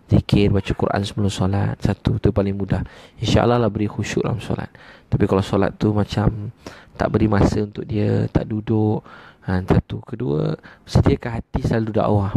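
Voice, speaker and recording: A Malaysian man preaching and answering viewer questions live, in a gentle, repetitive way with drawn-out pleading phrases. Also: on the low side, vocal fry. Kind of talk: live-streamed Q&A sermon.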